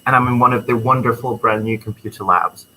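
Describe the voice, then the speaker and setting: In a university computer lab, a young adult from the Czech Republic, speaking with a Czech accent, is interviewed casually as a student guest. He is friendly and enthusiastic with lots of ums, his medium-pitched voice fairly even in intonation, a little fast and sharp in tone. The audio quality is poor.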